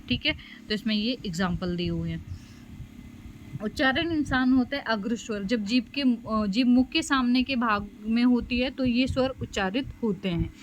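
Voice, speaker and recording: A woman's voice: a little high, a little hiss or hum, low-quality recording. A woman teaching a special education lecture and explaining slides, with lots of fillers and "okay?" checks. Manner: explanatory, frequent fillers and "theek hai" checks. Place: home.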